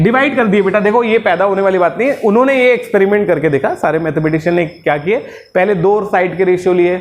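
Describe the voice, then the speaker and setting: High-voiced man teaching a lively, joking lesson. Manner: jokey, keeps asking "है ना?" and calls students "बेटा". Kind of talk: classroom lecture.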